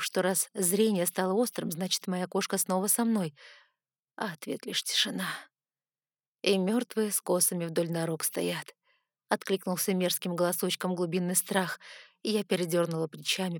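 A woman narrating a first-person audiobook with an expressive, emotional reading. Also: fairly low pitch, no room sound, clean studio sound. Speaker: audiobook reader.

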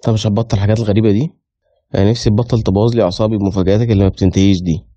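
A man's voice: fairly low pitch, fairly even intonation, racing, warm tone, dull audio, slight background noise, close to an everyday voice. An actor playing an exasperated, lecturing middle-aged male friend with an Egyptian accent, in a radio drama.

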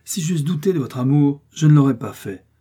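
A man reading aloud and playing a bold young swordsman, gallant and teasing, in a husky, dark voice. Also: on the high side, expressive, fairly quick, pitched above the performer's own voice. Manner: gallant, mocking confidence.

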